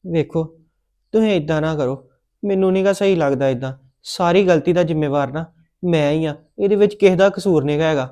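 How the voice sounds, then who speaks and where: Quick pleading young Punjabi man. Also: fairly high pitch, warm tone. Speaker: adopted son in a family drama. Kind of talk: family drama acting.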